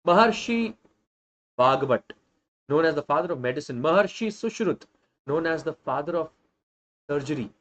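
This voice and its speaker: Speaking to students in a live online revision session, a North Indian man in his thirties teaches social science emphatically, dropping in Hindi phrases. His higher voice has lively intonation and a moderate pace with long pauses, a bit bright in tone, though the audio is dull.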